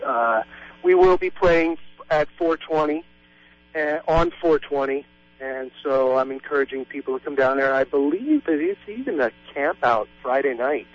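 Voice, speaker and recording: A man calling in to a radio show over the phone, talking hesitantly with many fillers and restarts. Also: mid-range voice. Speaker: radio call-in caller. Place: Hawaii. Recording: muffled phone line.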